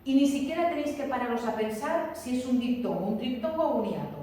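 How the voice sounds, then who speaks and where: A woman's voice: high voice, animated, fast talker, warm tone. Woman teacher lecturing in an echoey classroom. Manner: explains patiently, repeats key points, checks with students. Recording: roomy echo, distant mic, faint room noise.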